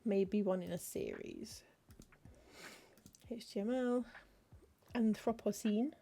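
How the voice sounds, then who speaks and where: This woman's mid-range voice is gravelly and dark, and she speaks slowly. Playing a cozy game on stream, she reads the game text aloud, muttering through book-title lists with wry asides in a casual, chatty way.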